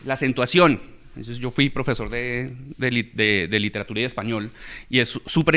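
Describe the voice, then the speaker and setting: A man talking through ideas on learning and games in a relaxed conversational way, often checking in with his listeners. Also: mid-range voice. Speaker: guest speaker on education. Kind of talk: conversational talk.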